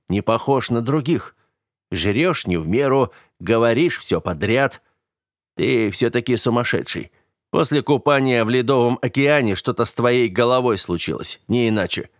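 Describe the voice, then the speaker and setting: A man voicing a gruff grumbling fight trainer. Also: medium pitch, animated, unhurried, no room sound, studio quality, natural voice. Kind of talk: audiobook character voice.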